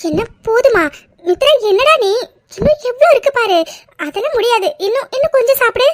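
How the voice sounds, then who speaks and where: A woman's voice: very high voice, animated, fast talker, fairly bright tone, dry recording, studio quality. A woman doing a fussy, doting cartoon mother. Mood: coaxing. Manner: coaxing, insistent. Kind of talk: cartoon voice acting.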